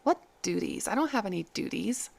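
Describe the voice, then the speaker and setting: A woman's voice: mid-range voice, lively intonation, fairly quick, vocal fry. A woman reading the part of a frightened young runaway slave woman who blurts out her worries. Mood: anxious. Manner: anxious, blurting.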